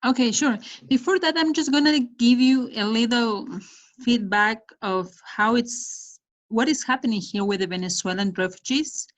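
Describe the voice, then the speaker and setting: A woman's voice: on the high side, normal speed. A middle-aged woman from Ecuador, a guest on a video call from her home, explaining her work steadily with hesitant fillers. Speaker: guest, development project manager. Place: indoor room at home. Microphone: laptop webcam on video call.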